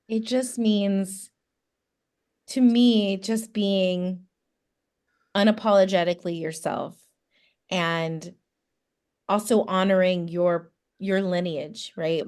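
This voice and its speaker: A woman guest on a podcast, a new yoga teacher, answering in a thoughtful, halting way with many ums. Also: fairly low pitch. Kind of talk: casual interview answers.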